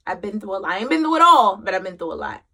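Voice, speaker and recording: A woman hosting a motivational talk as a single mother. She speaks emphatically, repeats her phrases, and moves from loud urging to quiet confession. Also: medium pitch, big pitch swings, racing, vocal fry. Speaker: host.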